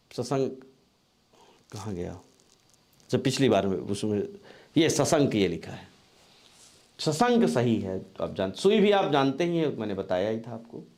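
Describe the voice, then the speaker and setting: A man teaching spelling for exam preparation, slowly repeating each word several times as he writes it out. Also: mid-range voice, very animated, darkish tone. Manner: dictation-like drilling of correct spellings. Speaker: Hindi grammar teacher. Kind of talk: exam-prep board lesson.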